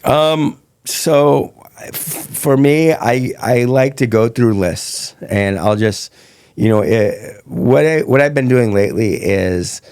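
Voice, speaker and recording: A man's voice: mid-range voice, slow pace, a little mellow, clean tone, dry recording, studio quality. A man who teaches comedy, chatting casually in a podcast conversation and rambling through his stories. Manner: chatty storyteller, loose and rambling.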